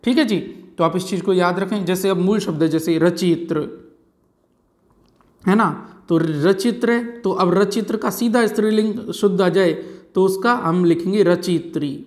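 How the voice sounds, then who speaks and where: Teacher drawing out words. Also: male voice, high voice. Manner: repeats key words slowly, frequent "है ना" and "ठीक है जी". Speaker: Hindi grammar teacher. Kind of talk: exam-prep lecture.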